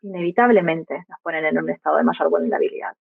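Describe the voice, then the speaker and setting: This podcast guest, a young Argentine woman and migrant mother, talks fast in a deep, gravelly, breathy voice with fairly flat intonation. She reflects thoughtfully in her Argentine Spanish accent, often adding tag questions, and the phone-quality recording has no room sound.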